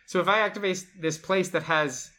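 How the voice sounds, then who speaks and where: An enthusiastic co-host walks through a board game's rules in a casual, chatty way, sprinkling in plenty of "like"s. The voice sits at a middle pitch. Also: moderate pace, bright, forceful tone. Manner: enthusiastic, chatty, lots of fillers like "like". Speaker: board game show co-host. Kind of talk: casual chat explaining game rules.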